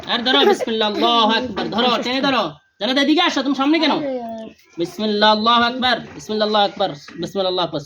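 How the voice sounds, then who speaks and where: A man filming a vlog outdoors among family, giving brisk directions and repeating religious phrases. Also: high voice, muffled recording. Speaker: vlogger. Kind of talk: casual vlog, instructing helpers.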